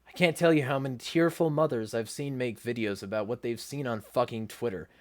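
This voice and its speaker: Man, medium pitch, livestream rant, blunt, foul-mouthed, indignant, sarcastic. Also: a little fast. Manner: blunt, heavily sweary. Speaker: livestream host. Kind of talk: ranting livestream talk, reading viewer comments.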